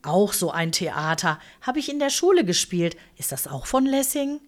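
A woman voicing a chatty, good-natured male bus driver who calls out loudly and cheerfully. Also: lowish voice, sing-song, normal speed. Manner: loud, cheerful calling out.

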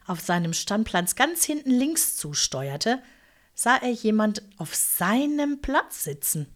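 A woman reading a story aloud in a lively, wry manner. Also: mid-range voice. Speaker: narrator.

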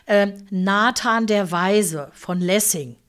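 A woman's voice: mid-range voice, slow pace, fairly bright tone. A woman voicing a fussy, pedantic middle-aged bookkeeper, stiff, formal and easily indignant. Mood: flustered.

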